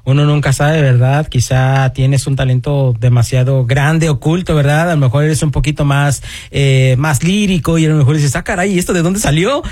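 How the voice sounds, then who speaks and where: A man's voice: on the high side, steady tone, a little mellow, no room sound, clean studio sound. A man hosting a radio interview, talking casually and encouragingly, often checking in with his guest. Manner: casual, encouraging, fills pauses with "eh" and "¿verdad?". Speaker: radio host.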